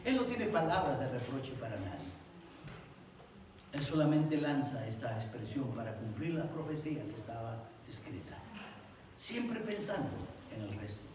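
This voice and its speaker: Impassioned pastor preaching in an echoey church. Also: male voice, medium pitch, big pitch swings, moderate pace, background noise. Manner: impassioned preaching, swinging between loud cries and hushed lines. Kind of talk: sermon. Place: church sanctuary. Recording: echoey church sound from a distance.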